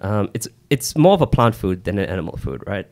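Lower-pitched New man, casual podcaster. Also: big pitch swings, a little mellow. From New Zealand. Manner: halting, informal, peppered with "you know". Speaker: podcast co-host explaining nutrition. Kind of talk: casual explanatory chat. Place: small indoor podcast studio. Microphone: close boom-arm studio mic with headset.

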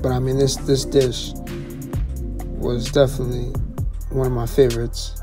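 Excited young man reviewing food. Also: medium pitch, normal speed, over music. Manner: enthusiastic, repeats words, restarts. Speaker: chef and food vlogger. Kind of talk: casual narration of a tasting menu.

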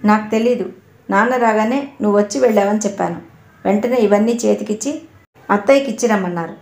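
A woman storyteller voicing a young wealthy woman who speaks earnestly and gently, in an audio novel. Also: mid-range voice, fast talker, reverberant, lightly acted. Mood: matter-of-fact.

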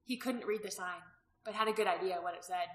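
A woman reading a novel aloud as narrator, steady and even. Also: medium pitch, brisk. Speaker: audiobook reader. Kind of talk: scripted narration. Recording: roomy echo.

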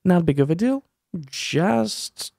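A slow, animated young adult man with a high-pitched, creaky voice hosts a casual software tutorial as a streamer. He explains things step by step in an informal way, adding playful asides. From a small indoor room at a desk, he uses a close desk microphone and headphones, giving a dry, studio-quality recording.

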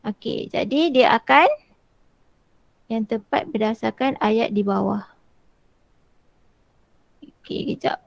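A woman teacher, demonstrating a tool in an online workshop and filling pauses with "ah" over a video call. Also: fairly high pitch, gravelly, dry recording. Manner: chatty, frequent "ah" fillers while walking through screens.

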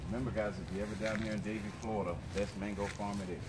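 A man's voice: lowish voice, fairly even intonation, rapid-fire. A man in his thirties talking casually to his viewers while touring a mango orchard outdoors, filmed on a phone held by someone else. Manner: chatty, enthusiastic, addresses viewers as guys. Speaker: gardening vlogger. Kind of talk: casual vlog talk to viewers. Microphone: phone camera held by another person. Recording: loud outdoor noise.

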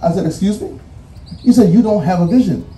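With a high but mellow voice, a Bahamian commencement speaker delivers his address briskly in a preacher's cadence, stressing numbered points and repeating phrases. The recording has a roomy echo, a distant mic, faint music and a little hiss or hum.

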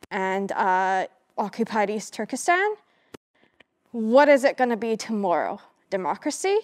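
Earnest woman activist. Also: medium pitch. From Hong Kong, raised in Canada. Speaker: activist guest. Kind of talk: earnest panel testimony. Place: dark studio stage.

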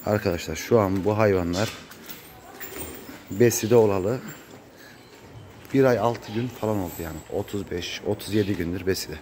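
A man's voice: lowish voice, moderate pace, pauses often, a little mellow. A man, his voice muffled and congested from a cold, talking casually to viewers as a farmer in a vlog. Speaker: cattle farmer. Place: open-sided metal-roofed cattle barn. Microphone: handheld phone. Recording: noisy barn phone recording.

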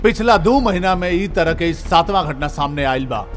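A man's voice: a little high, animated, moderate pace, natural voice. A man acting as a grave, insistent news reporter questioning a minister in a film, with a Bhojpuri accent and formal, pointed delivery. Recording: music behind the voice.

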